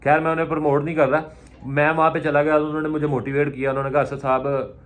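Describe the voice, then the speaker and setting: A man's voice: on the high side, level tone, rapid-fire. Young man rambling through his own story. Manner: rambling, self-correcting narration. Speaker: vlog guest telling his story. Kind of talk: casual storytelling.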